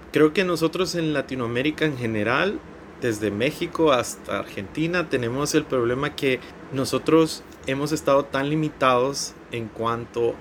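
A man's voice: medium pitch, slight background noise. A man in his twenties from Honduras, a dentist answering interview questions earnestly, often repeating words as he restarts. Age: 20s. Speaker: dentist guest.

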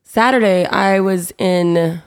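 A woman's voice: mid-range voice, slow pace, clear, resonant tone, no echo, studio quality. A young woman with a cold, her voice stuffy and nasal, chatting casually as a podcast co-host. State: sick with a cold. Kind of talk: casual chat.

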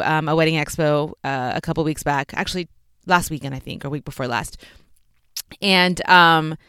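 A young woman from Texas hosts her podcast from inside a closet, where clothes deaden the sound and leave it dry and close. Her voice sits a little low and is very smooth and clear. She chats in an upbeat, loose way, full of fillers and small laughs. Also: fairly bright tone, no room sound. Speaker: podcast host. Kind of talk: casual solo podcast chat.

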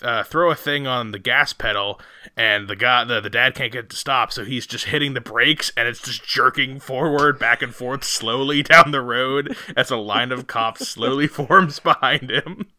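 A man with a very bright, forceful voice and clean, crisp tone, recorded close and dry. He talks as a podcast co-host in a casual movie review, rambling and retelling scenes with animated asides. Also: mid-range voice, normal speed, no room sound. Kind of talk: casual film review chat.

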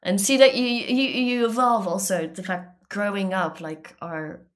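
A woman's voice: mid-range voice, steady tone, unhurried. A woman hosting an interview, chiming in with short remarks and laughs. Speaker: interviewer host. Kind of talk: casual interview chat.

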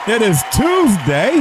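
A man hosting a podcast in an excitable, slangy, profane way, often repeating his phrases. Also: fairly high pitch, noisy background. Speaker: podcast host. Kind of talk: casual, hyped podcast chat.

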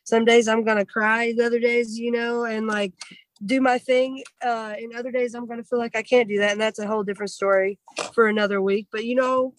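A woman-voiced podcast regular in casual chat, laid-back with halting, hesitant phrasing. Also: a little high, flat delivery, poor audio.

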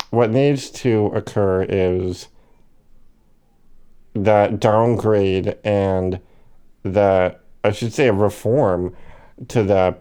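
Slow, hesitant man with a low voice. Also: mellow, clean tone. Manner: slow and hesitant, many fillers and self-corrections. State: has the hiccups. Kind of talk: reflective personal monologue.

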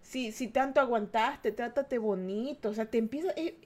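A woman's voice: a little high, moderate pace, a little mellow. Woman host, earnest reflective podcast talk, speaks right to listeners. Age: adult.

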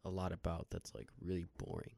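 A man co-hosting a podcast in casual chat, teasing his friend with a dry, deliberately flat delivery. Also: low voice, vocal fry, no room sound. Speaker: podcast co-host.

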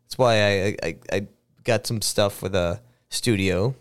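A man's voice: on the low side, a little slow, clean tone. A man in his thirties hosting a podcast, chatting in a rambling way and laughing often. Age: 30s. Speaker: podcast host. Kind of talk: casual chat.

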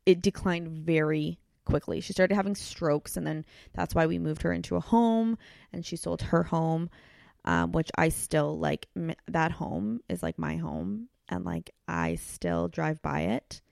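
A woman speaks in a low, gravelly voice, halting and full of fillers as she fights back tears. The sound is close and dry, with the feel of a relaxed conversation. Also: no room sound. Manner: emotional, halting, many fillers. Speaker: podcast guest. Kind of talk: casual chat.

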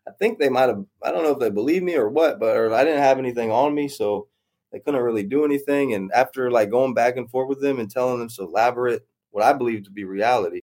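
A man's voice: medium pitch, fast, a little mellow. A young man tells a rambling personal story, repeating himself and acting out what others said. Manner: rambling, repeats phrases, acts out voices in quotes. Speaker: storyteller recounting his past. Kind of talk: personal story told in casual talk.

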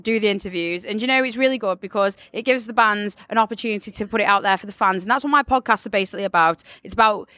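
A woman hosting a podcast chats at a rapid pace with a bright, forceful voice. She is cheeky and irreverent, and the sound is close and dry. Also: mid-range voice, dry recording. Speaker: podcast host. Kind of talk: casual chat, interviewing.

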